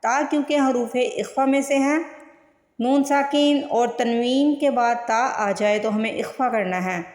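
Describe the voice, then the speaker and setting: A woman's voice: on the high side, a little mellow. Woman teaching recitation, echoey room. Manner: slow drawn-out recitation between plain explanations. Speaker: Quran tajweed teacher. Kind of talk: word-by-word recitation lesson. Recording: echoey room with long reverb.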